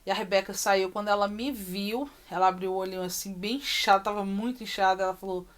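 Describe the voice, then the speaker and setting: Woman, mother on a personal vlog, emotional and repetitive delivery, lots of pauses, mid-range voice. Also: mid-range voice, steady tone. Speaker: mother recounting her daughter's surgery.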